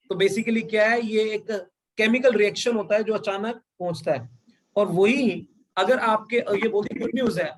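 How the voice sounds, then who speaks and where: A man's voice: high voice, low-quality recording. A man running an online sales training over a video call, explaining step by step, mixing English into Hindi and checking in with "right or wrong?". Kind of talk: live online training session.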